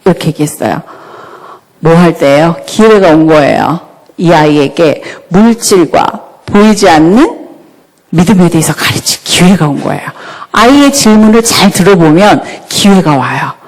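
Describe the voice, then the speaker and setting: A woman giving a church talk on parenting, lively and often asking the audience questions. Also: fairly low pitch, normal speed. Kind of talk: church lecture. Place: church hall. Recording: long hall reverb.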